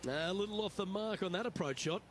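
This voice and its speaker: A man's voice: high voice, a little fast, fairly bright tone, a little hiss or hum. A man playing the lead golf commentator in a video game, calling each shot in short running updates over outdoor ambience. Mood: composed, observant.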